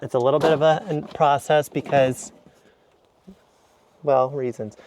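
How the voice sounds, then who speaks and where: A man's voice: medium pitch, fairly even intonation, measured pace, noisy background. A man in a camper van giving a chatty, rambling, self-deprecating tour of his kitchen, filmed on an action camera. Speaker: vlogger. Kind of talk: casual kitchen walkthrough vlog.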